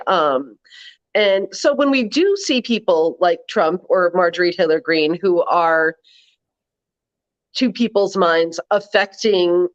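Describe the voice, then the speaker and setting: A woman's voice: fairly low pitch, muffled recording. A woman co-hosting a casual podcast chat, talking conversationally with many fillers. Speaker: co-host.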